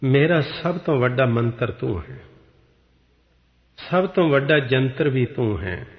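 Slow, measured male preacher in a hall. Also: medium pitch, expressive. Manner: slow, measured scripture exposition. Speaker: Sikh preacher. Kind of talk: sermon. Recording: dull, reverberant hall sound.

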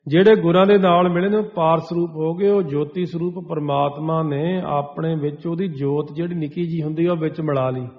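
A man preaching to a congregation, slowly chanting scripture lines and then explaining them in plain talk. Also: a little high, steady tone. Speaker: Sikh preacher. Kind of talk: scripture exposition sermon. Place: large hall before a congregation. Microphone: stage microphone. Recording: dull sound with long hall reverb.

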